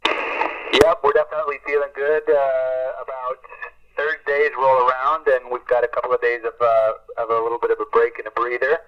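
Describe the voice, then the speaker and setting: A man speaks over a walkie-talkie, so his voice comes through a muffled, lo-fi radio link. His pitch sits in the middle range. He gives a calm, earnest report, pausing often with "uh" and closing each turn with "over". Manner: earnest, unhurried, with many "uh" fillers. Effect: heard over a walkie-talkie radio link. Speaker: missionary reporting from the field. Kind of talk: two-way radio report, ending turns with "over". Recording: dull lo-fi radio transmission.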